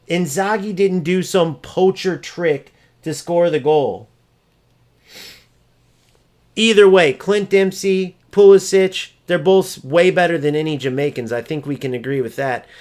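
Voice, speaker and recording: A man ranting over gameplay footage, exasperated, profane and mocking as he vents about an opponent. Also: high-pitched. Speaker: gaming streamer.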